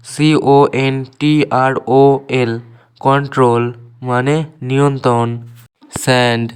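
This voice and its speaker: A man teaching a vocabulary lesson, reading a word list and spelling each word out letter by letter in an even, measured way. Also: mid-range voice, smooth. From Bengal. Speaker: English teacher.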